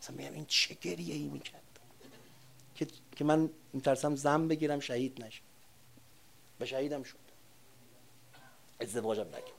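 Give me an older man preaching a sermon, switching between hushed storytelling and forceful, loud emphasis. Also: medium pitch, gravelly, pauses often. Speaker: religious speaker. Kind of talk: sermon with personal war memories.

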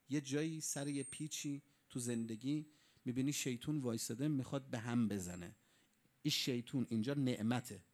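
A man preaching a sermon, telling stories and acting out the quoted people, with sharp swings between loud and soft. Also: medium pitch. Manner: storytelling, acts out quoted voices, rises and drops in volume.

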